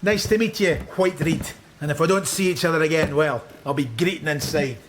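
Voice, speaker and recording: An actor playing a blunt, sardonic police inspector with a Scottish accent in a radio crime drama. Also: male voice, fairly high pitch, fairly quick, noisy background, natural voice. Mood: angry, confrontational.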